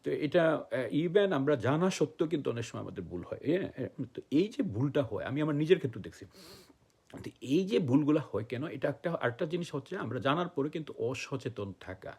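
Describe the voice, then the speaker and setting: Male teacher, gravelly husky voice, relaxed rambling lesson with fillers and constant check-ins. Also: mid-range voice, fairly quick. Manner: loose, repetitive teaching with many fillers and "okay?" checks. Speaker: English teacher. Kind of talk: casual spoken lesson. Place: lives in the United States.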